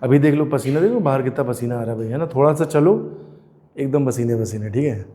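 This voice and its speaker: A man's voice: medium pitch, a little fast, mellow, a little hiss or hum. Unwell male teacher drilling students. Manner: scolding, teasing, drilling students. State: unwell, sore throat. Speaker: coaching teacher. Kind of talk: classroom physics lecture. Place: classroom.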